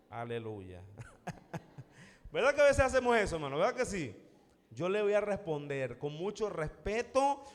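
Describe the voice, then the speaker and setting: A man's voice: sits high, in a large hall. A man preaching a sermon to a congregation, emphatic and repetitive, calling out to the listeners directly. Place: church hall.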